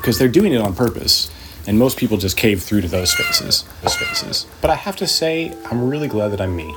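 A man's voice: mid-range voice, huge pitch swings, a little fast, over music. A man talking informally and slangily in a casual philosophical conversation.

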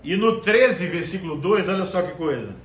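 A male preacher delivering a conversational sermon, reading scripture aloud slowly and checking in with his listeners. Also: high voice, expressive. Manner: conversational, constant tag questions. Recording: echoey room with faint ambience.

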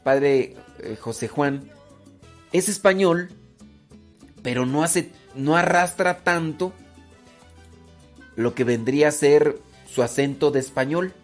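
A Mexican man with a rural ranchero accent hosts a radio show and talks to his listeners. His voice sits a little high for a man, and he rambles, stalling on fillers and starting over. Soft music plays faintly behind him. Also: takes it slowly, long pauses. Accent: Mexican, rural ranchero speech. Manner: rambling, with many fillers and restarts. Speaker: radio host. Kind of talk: casual radio talk to listeners.

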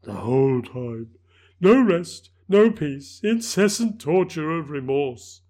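A man's voice: fairly high pitch, very animated, slow pace, warm tone, exaggerated voice. A man voicing the anguished ghost of a dead miser, wailing and declamatory.

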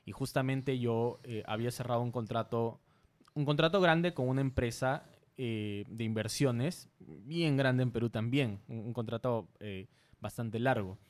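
A man's voice: medium pitch, a little slow. Casual guy from peru, content creator guest, talks earnest n self-conscious, restarts a lot. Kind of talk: casual interview storytelling.

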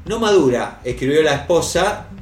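A man with a Rioplatense accent co-hosts a casual comedy chat, swearing freely in crude, mock-outraged banter. His voice sits a little high and swings widely in pitch. It is recorded in a roomy, echoing space with faint music underneath. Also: lively intonation, normal speed. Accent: Rioplatense Spanish. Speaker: co-host.

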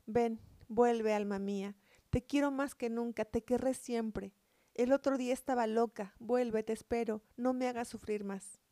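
A woman's voice: a little high, steady tone, a little slow, mellow, dry recording, lightly acted. A woman voicing a passionate young female lover in a storybook reading, close to her own voice. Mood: pleading.

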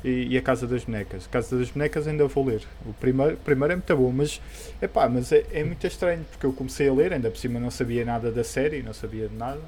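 Over background music, a man with a European Portuguese accent chats casually about comic books, hesitant, rambling and colloquial. His mid-range voice is a little mellow and moves fast with few pauses.

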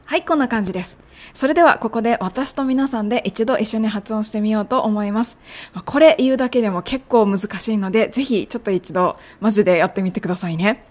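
A young woman casually teaching English pronunciation of medical terms, drilling the sounds slowly. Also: mid-range voice. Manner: friendly, chatty coaching, drilling sounds slowly. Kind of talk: casual podcast lesson.

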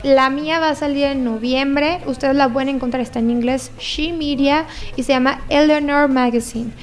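A woman, a guest artist chatting in a relaxed interview and laughing often. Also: high-pitched, moderate pace. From Mexico. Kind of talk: casual interview chat.

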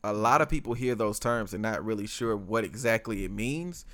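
A man with a fairly low voice talks through a casual podcast conversation. He rambles and loops back with frequent fillers and restarts. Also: lively intonation, normal speed, a bit bright. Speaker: podcast co-host.

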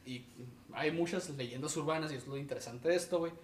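A man with a Mexican Spanish accent hosting a casual podcast, telling a story in an animated way and peppering it with slang fillers. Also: a little high, fast, far from the mic, crowd noise. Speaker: podcast host. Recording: echoey room, off-mic.

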